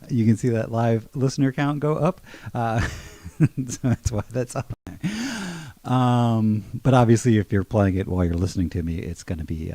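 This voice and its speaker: A man's voice: mid-range voice, warm tone, no room sound. A man musician chatting casually between songs on a live stream, easygoing and rambling with a self-amused tone.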